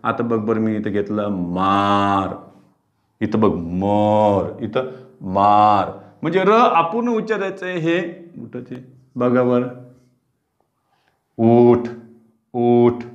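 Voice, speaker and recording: Male teacher, mid-pitched voice, patient drill style with slow spoken repetitions, slightly dull lo-fi recording. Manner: repeats words aloud slowly, drawing out sounds, asks and answers own questions. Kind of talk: classroom pronunciation lesson.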